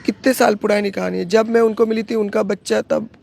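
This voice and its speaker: A woman who rescues trafficked girls tells stories in an interview, earnest and halting, often restarting her sentences. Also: medium pitch, fairly even intonation, gravelly, a little mellow. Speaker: anti-trafficking rescue worker. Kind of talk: storytelling interview answers.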